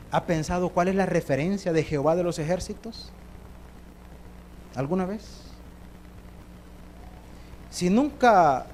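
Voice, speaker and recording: A Salvadoran man preaching at a church service in a high tenor voice. He drives his points home by repeating questions and calling the listeners brother, with a faint hiss of noise behind him. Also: a little mellow. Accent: Salvadoran Spanish. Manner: emphatic, repeats phrases, addresses listeners as brother. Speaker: pastor. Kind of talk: sermon.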